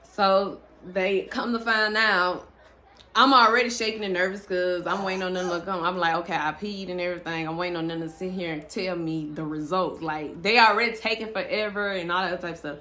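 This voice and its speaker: A woman's voice: on the low side, fairly quick. A young woman, casually telling a personal story to her viewers, chatty and full of fillers. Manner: chatty, animated, lots of fillers and restarts.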